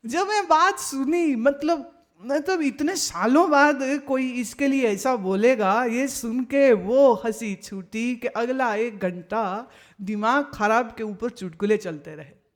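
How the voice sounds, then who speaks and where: A woman spiritual teacher giving a discourse, telling anecdotes in a lively way and acting out what other people said. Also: medium pitch. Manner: lively storytelling, acts out other people's remarks.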